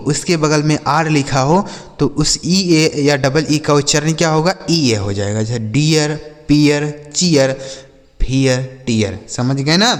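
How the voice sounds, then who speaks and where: A male English teacher, teaching a class. He asks questions and answers them himself, and says words slowly, sound by sound. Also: on the high side, long reverb tail. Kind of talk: classroom-style lesson.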